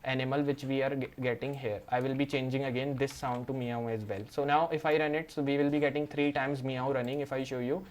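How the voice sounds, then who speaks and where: A man's voice: medium pitch, little pitch movement, fairly quick, hardly any pauses. A man teaching programming in a screen-recorded coding tutorial, walking through each step as he works and leaning on fillers like "you can say.". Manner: walks through steps while working.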